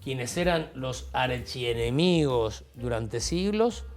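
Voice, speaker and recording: Guy hosting an interview, picks his words slowly, faint music behind. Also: medium pitch, expressive. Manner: deliberate, searching for words. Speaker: journalist and interview host. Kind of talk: interview on a talk show.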